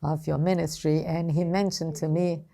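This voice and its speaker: Brazilian-accented woman diplomat, low and gravelly, careful and hesitant interview delivery, Portuguese native. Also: level tone, warm tone. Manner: hesitant, halting, choosing words carefully. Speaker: ambassador being interviewed. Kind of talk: formal interview answers.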